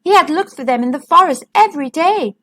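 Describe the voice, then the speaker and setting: Woman, children's storyteller, high voice, lively sing-song reading aloud. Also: brisk.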